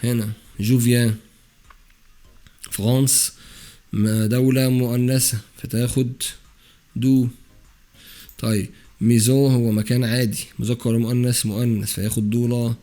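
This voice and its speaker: A man with an Egyptian Arabic accent teaching a French grammar lesson for exam prep, rattling off rules and quizzing the student with quick questions. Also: mid-range voice, flat delivery, mellow.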